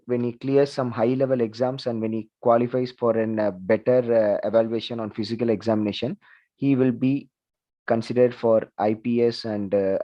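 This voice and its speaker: Guy teaching over a video call, mellow voice, kinda lo-fi audio, lots of "okay" and "like". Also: mid-range voice. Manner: conversational, repeats "like" and "okay", asks the class questions. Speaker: lecturer. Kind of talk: online class lecture.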